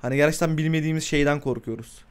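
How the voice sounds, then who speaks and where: A male streamer reacting live to short horror films, with a voice on the higher side. He urges the characters on, swears freely and breaks into shrieks and laughter at the scares. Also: very fast, clear, resonant tone. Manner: talks back to the screen, swears, shrieks when startled.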